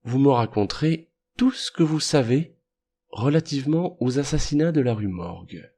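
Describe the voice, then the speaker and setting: A man's voice: mid-range voice, animated, normal speed, dark tone, voice pushed up, natural voice. A man reading an audiobook, voicing a sly, assured male detective with a cordial, persuasive manner. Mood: probing.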